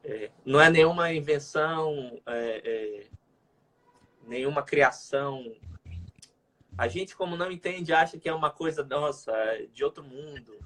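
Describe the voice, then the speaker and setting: A man with a Brazilian Portuguese accent, co-hosting a casual video-call chat and explaining liturgical music in a measured, teacherly way. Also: on the high side, bright, forceful tone. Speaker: co-host, liturgical music educator.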